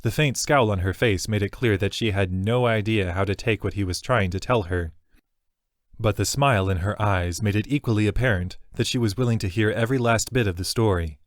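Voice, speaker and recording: Low-voiced man narrating a fantasy audiobook. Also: fairly quick, no echo, studio quality.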